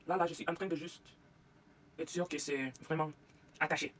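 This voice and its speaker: A vlogger with an American accent and English as a first language, chatting casually in a get-ready-with-me video, halting and slipping English fillers into their talk. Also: medium pitch, fairly even intonation, fairly bright tone, a little hiss or hum.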